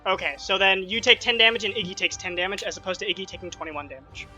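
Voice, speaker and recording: A man's voice: high voice, soft background music. A man acting as game master, calling rolls and damage and narrating the action in bursts. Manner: quick rules talk broken by animated narration.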